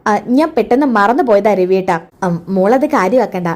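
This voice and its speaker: A woman retelling a TV serial episode in a lively way, switching quickly between all the characters' lines. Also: mid-range voice. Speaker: serial recap narrator.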